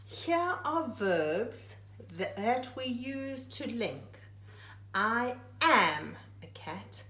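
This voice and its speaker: In an echoey room, a woman reads a rhyming picture book aloud very slowly and deliberately, phrase by phrase. Her bright, forceful voice swings widely in pitch as she leans on words for dramatic effect.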